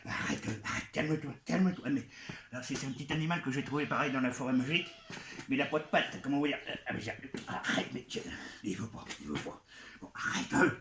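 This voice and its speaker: A man performing a playful live comic show for children, coaxing and talking straight to the young audience. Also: medium pitch. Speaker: children's entertainer playing a goblin expert. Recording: echoey live venue with background noise.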